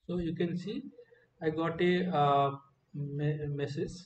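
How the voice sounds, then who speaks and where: Speaking haltingly and without a script, a man walks viewers through software on a screen recording. His voice leans high with fairly even intonation, set in a muffled, echoey room with a bit of background noise.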